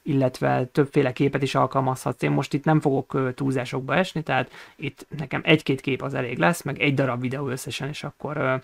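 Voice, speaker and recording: A man teaching a coding tutorial over a screen recording, explaining each step and pausing often on hesitation sounds. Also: mid-range voice, flat delivery, creaky, no room sound. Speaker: programming instructor.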